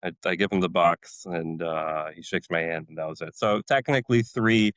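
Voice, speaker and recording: Recorded at studio quality with no echo, a retired Army warrant officer speaks at normal speed in a low-pitched, slightly bright voice. The Polish-native man in his forties is a podcast guest whose casual army storytelling is animated, full of laughter and impressions of others.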